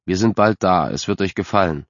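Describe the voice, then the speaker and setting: A man's voice: deep voice, brisk, dry recording. A man doing a weary, persuading father. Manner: patient, persuading. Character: weary father, middle-aged man, stubborn. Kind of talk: audiobook character voice. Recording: dry, slightly dull recording.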